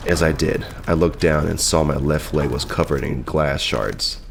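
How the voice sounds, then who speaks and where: Male narrator for scripted horror: bottomless bass register, dramatic first-person storytelling over a prominent music bed. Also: steady tone, normal speed, gravelly. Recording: loud music bed behind voice.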